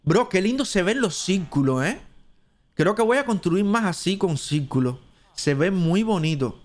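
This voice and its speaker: A man from Cuba with a Cuban Spanish accent streams gameplay live, chatting and thinking aloud with lively intonation at a slightly slow pace. Now and then he jumps into a squeaky high voice.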